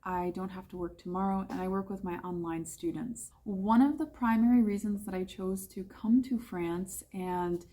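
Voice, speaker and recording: An American woman who teaches English chats casually in a talking-head vlog about her life abroad, often correcting herself with fillers. Her voice is mid-range and mellow.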